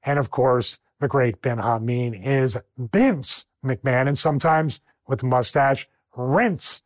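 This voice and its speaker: A man's voice: mid-range voice, slow pace, no echo. A middle-aged man with a Philadelphia accent, hosting and commenting over wrestling footage, emphatic and repeating phrases for stress. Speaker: host, wrestling analyst.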